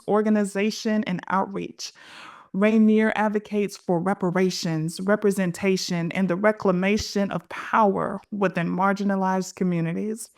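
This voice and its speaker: A woman hosting a podcast, reading scripted introductions and then asking interview questions in a measured way. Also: medium pitch, a little mellow, dry recording, clean studio sound. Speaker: podcast host.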